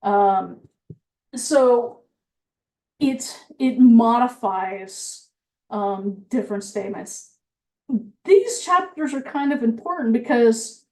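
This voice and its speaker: Slow, mellow-voiced woman explaining standards. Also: on the high side. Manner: methodical, explanatory, many fillers. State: has the hiccups. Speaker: compliance engineer presenting. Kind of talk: technical presentation.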